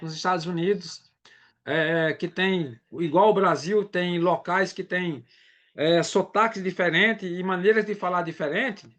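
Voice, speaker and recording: A man's voice: high voice, fairly bright tone. A man from Brazil, giving a casual live sales training and often checking in with his audience.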